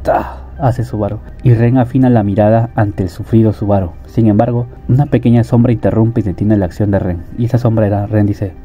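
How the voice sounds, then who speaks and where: A man narrating a novel's story in a plain, steady reading voice. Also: on the low side, fairly quick, few pauses, faint music behind. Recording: dull lo-fi audio.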